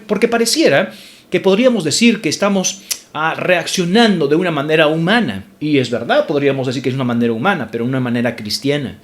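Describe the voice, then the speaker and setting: Male pastor, sermon delivery, fairly high voice with animated pitch, emphatic and repetitive. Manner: emphatic preaching, repeats scripture references, rises sharply when indignant; addresses congregation as brothers.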